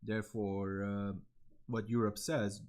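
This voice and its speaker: A young man from Serbia, streaming as a vtuber, talks slowly in a lowish, darkish voice with little pitch movement. He has a Serbian accent and chats bluntly and casually, rambling with lots of fillers and plenty of swearing.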